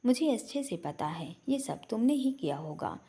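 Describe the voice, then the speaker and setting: A woman's voice: on the high side, big pitch swings, normal speed, mellow. A woman doing a scornful, taunting young wife. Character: spiteful young woman, sharp-tongued sister-in-law.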